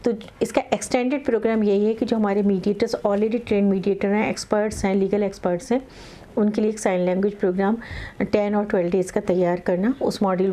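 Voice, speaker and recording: Middle-aged female advocate, interview guest; measured, pause-filled delivery, warm and dark in tone. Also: medium pitch. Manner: measured, many filler pauses, mixes English legal terms into Hindi. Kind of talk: explaining in conversational interview.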